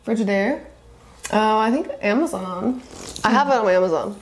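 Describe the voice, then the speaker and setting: A woman's voice: mid-range voice, normal speed. A woman in her twenties giving a gushing, casual house tour of her small apartment. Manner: bubbly, gushing, says cute a lot. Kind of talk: casual chat. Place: small apartment kitchen and living room, indoors.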